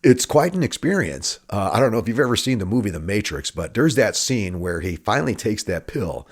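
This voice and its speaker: Male comic storyteller, lower-pitched, very animated intonation, halting delivery. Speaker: storyteller, former police officer. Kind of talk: comedic personal storytelling monologue.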